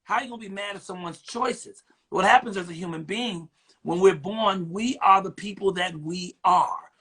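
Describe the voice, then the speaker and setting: A comedian interviewing a guest, riffing in an animated, preachy way. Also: male voice, high voice, normal speed, husky. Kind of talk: casual interview chat.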